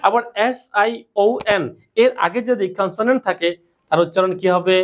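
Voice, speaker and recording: A woman's voice: mid-range voice, moderate pace. A woman teacher giving a classroom pronunciation lesson, quizzing her students with repeated questions. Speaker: English teacher.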